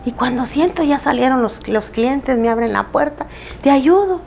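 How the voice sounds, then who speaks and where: Loud, emphatic woman preaching. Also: fairly high pitch, moderate pace, gravelly, soft background music. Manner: loud, emphatic and plain-spoken; candid, with self-deprecating humor. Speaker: preacher at a women's church group. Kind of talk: sermon.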